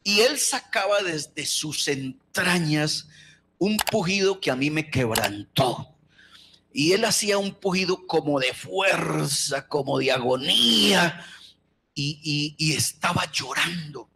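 A middle-aged man with a Colombian accent preaching a sermon, telling stories with passion and moving from hushed tones to shouts. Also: a little high, expressive, takes it slowly, creaky, a little hiss or hum. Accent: Colombian Spanish. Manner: impassioned storytelling, swinging from hushed to shouting.

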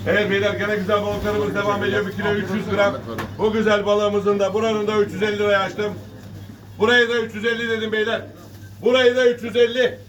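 A man's voice: sits high, little pitch movement, brisk, a bit bright. A man working as a fish auctioneer, calling weights and prices in repeated sing-song calls for bids. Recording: distant mic, noisy market, birds cooing.

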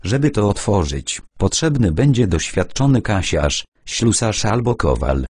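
A joking young scout from an audiobook, speaking with a grin in his words, as a male narrator puts him on. The voice is low-pitched and lively in intonation. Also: a little slow, slightly rough, no echo, studio quality, full character voice.

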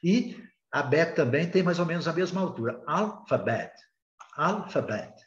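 A man's voice: a little high, a little fast, reverberant, lo-fi sound. A Brazilian man with a Brazilian Portuguese accent teaching a recorded beginner lesson, explaining patiently and hesitantly with many filler sounds. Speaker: English teacher.

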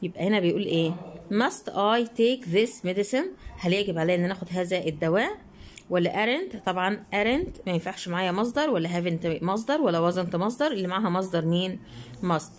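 A young woman with an Egyptian Arabic accent, teaching English grammar and answering workbook questions. She reads English sentences slowly, then explains them fast and keeps asking her students rhetorical questions. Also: lowish voice, slight background noise.

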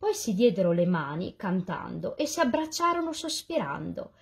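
A woman reading a rhyming children's story aloud as a volunteer reader, in a lively, sing-song delivery. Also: medium pitch, moderate pace, vocal fry, breathy edge.

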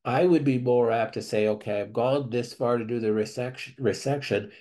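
A male clinic doctor, with a mellow, mid-range voice, takes member questions on a screen-share video call. He reads each aloud and replies carefully, working through his thoughts out loud with occasional restarts.

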